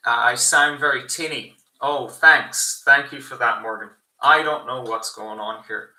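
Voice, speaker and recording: Man with a thin, tinny, bassless voice. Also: a little slow, bright, forceful tone. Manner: rambling, swears often. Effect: thin tinny voice with no bass from the wrong built-in microphone. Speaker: livestream host. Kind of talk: casual livestream commentary. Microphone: built-in PC microphone picked by default. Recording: tinny distant echoey built-in PC microphone.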